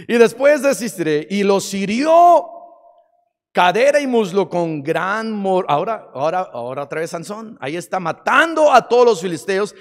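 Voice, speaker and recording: A man preaching a sermon, swinging from hushed asides to shouting. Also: sits high. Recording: long hall reverb.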